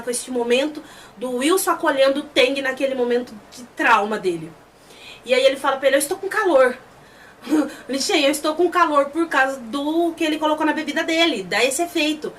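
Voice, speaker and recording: A woman's voice: high voice, fairly bright tone. A Brazilian woman with a Brazilian Portuguese accent reviewing a TV series in casual talk, retelling scenes emotionally and acting out the quoted lines. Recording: distant mic with faint background noise.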